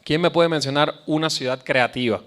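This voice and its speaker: A man with a Caribbean Spanish accent giving a public lecture in a conversational way, pausing to search for words and repeating phrases for emphasis. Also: fairly high pitch, fairly bright tone. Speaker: guest speaker, cultural policy researcher. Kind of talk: public lecture addressing an audience.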